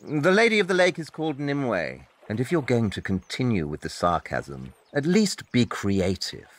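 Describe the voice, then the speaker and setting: An actor playing Sherlock Holmes in an audio drama, a coolly logical, blunt detective who speaks precisely with deadpan, condescending wit. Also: male voice, mid-range voice, normal speed. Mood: dry, sardonic.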